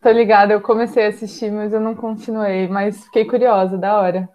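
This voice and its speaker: A woman's voice: medium pitch, little pitch movement, brisk, lo-fi sound. A woman moderating an online study group, speaking in a friendly, informal way. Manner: friendly, informal, uses slang. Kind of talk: casual online discussion.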